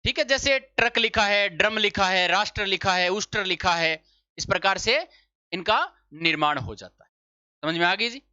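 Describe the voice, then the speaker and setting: A man with a high-pitched, sharp voice teaches a Hindi grammar lesson for exam preparation at normal speed, also described as an exam-prep spelling lesson. He asks questions, answers them himself, repeats key points, and checks that the class understands. The sound has no echo but is dull and lo-fi.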